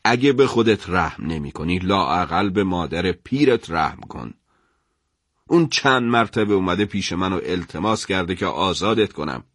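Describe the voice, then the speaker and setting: A man voicing a bullying, threatening male prison major in a radio story, shouting at a prisoner. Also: low-pitched, lively intonation, dry recording, studio quality. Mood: coaxing. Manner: shouting, bullying, then coaxing.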